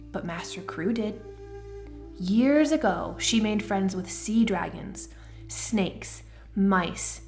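A woman narrating a children's storybook in a gentle, even-paced reading. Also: mid-range voice.

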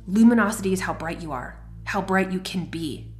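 A woman voicing a wise, stern female mentor in a storybook reading, speaking in a calm, firm, measured way. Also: on the low side, soft background music, lightly acted.

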